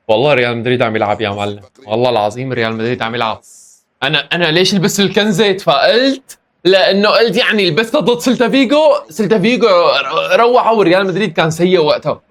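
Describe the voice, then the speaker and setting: A hoarse young man with a Levantine Arabic accent, hosting a live football match reaction and exclaiming at every chance. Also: high-pitched, a bit bright. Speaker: football reaction video host.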